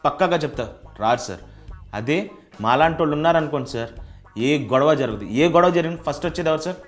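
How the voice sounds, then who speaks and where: A man's voice: fairly high pitch, quick pace, faint music behind. A young man, a bachelor tenant, earnestly persuading a house owner in a comedy sketch, saying "sir" again and again.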